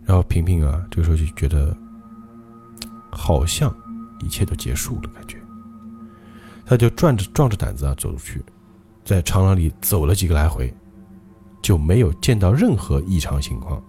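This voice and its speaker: Guy telling ghost stories on a podcast, low mellow voice, super animated, faint music behind. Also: normal speed, long pauses. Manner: dramatic, lively storytelling. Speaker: podcast host, storyteller.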